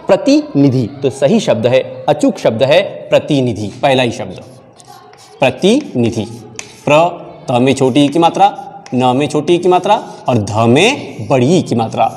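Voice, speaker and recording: A male teacher, explaining correct spellings and repeating words slowly, syllable by syllable. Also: medium pitch, darkish tone. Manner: mixes in Marathi phrases. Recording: long hall reverb.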